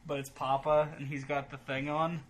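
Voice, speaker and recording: A man's voice: on the high side, little pitch movement, normal speed, a crowd in the background. A man chatting on a casual podcast and cracking jokes. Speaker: podcast co-host. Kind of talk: casual chat. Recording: clear background noise.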